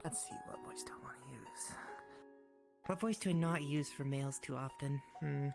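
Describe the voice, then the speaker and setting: A man's voice: medium pitch, normal speed, vocal fry, music in the background. Man musing over which voice to use. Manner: musing, playful. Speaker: roleplay player. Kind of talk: casual voice chat.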